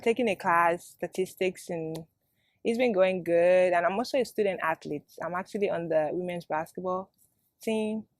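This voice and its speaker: Young Nigerian-raised female athlete, lowish voice, dry close sound. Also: moderate pace, no echo, soft background music. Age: young adult. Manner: steady, repeating "so". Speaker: student athlete. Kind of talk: casual testimonial.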